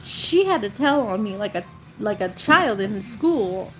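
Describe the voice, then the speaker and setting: A thirty-something storytelling creator rambles chattily about her past during a casual live stream, often laughing. Her mid-range voice is animated and measured, captured in a low-quality recording with slight background noise.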